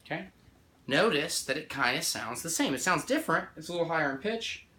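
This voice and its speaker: With a sing-song, rather high voice and a brisk pace, this man teaches music theory casually while a guitar plays along. As he counts notes, he frequently asks "right?" and backs up to correct or restart himself.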